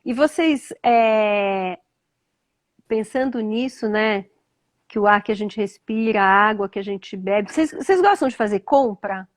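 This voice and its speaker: A woman with a Brazilian Portuguese accent, gently questioning children in a thoughtful, conversational way and often echoing their answers. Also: medium pitch, a little slow. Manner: thoughtful, repeats answers back, lots of "né?". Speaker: interviewer.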